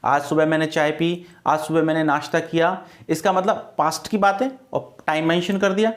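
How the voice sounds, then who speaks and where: A man's voice: on the high side, steady tone, moderate pace. A man teaching an English grammar and vocabulary lesson for exam preparation, asking questions and answering them himself to drill key words. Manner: repeats key words as questions to students, explains patiently.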